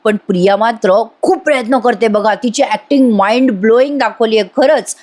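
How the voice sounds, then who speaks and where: A woman's voice: a little high, normal speed, darkish tone. A woman doing a chatty voice-over review of a TV serial, speaking directly to viewers.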